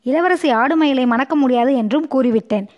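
A woman's voice: sits high, normal speed, muffled recording, close to an everyday voice. A woman reading the lines of an earnest young prince in an audiobook story, in a pleading manner.

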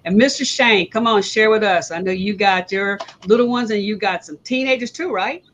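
High-voiced man hosting a panel. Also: moderate pace, fairly bright tone, dull audio, slight background noise. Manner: encouraging, brief affirmations. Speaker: panel host. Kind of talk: casual panel discussion.

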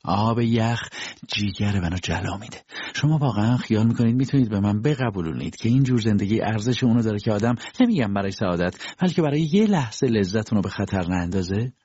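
A man's voice: on the low side, expressive, warm tone, breathy edge, no room sound, highs cut off. A man voicing a proud, capricious young woman with a scornful, teasing manner, in an audiobook reading.

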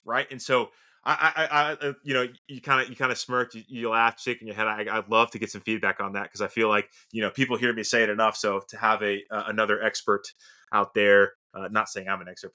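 A man hosting a podcast interview, talking excitedly and quickly until he runs short of breath. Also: lowish voice. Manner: excited, rapid, talks himself out of breath. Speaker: podcast host. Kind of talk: casual interview talk.

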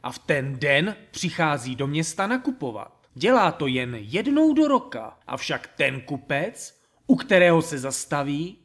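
An actor voicing a bustling, demanding shop owner in a fairy tale, urging his apprentice on. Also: on the high side. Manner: urging, lively.

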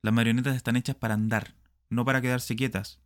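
A man's voice: mid-range voice, flat delivery, fast, natural voice. A man voicing a resentful male puppet double that complains about being shut away. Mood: complaining. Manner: complaining, aggrieved.

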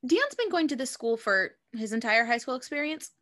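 A young woman co-hosting a podcast, chatting casually and arguing her points in a measured way. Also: fairly high pitch, very animated, pushed and bright. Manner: reasoning, measured, restarts words. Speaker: podcast co-host. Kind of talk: casual chat.

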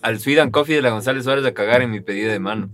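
A man's voice: mid-range voice, very fast, a bit bright. A man with an Ecuadorian Spanish accent, co-hosting a podcast and telling crude stories emphatically in casual chat. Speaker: podcast co-host.

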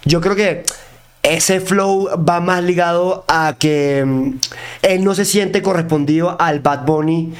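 This fairly high, clean male voice moves slowly as a singer and producer chats casually and profanely in an interview. His Venezuelan Spanish accent is mixed with Mexican slang.

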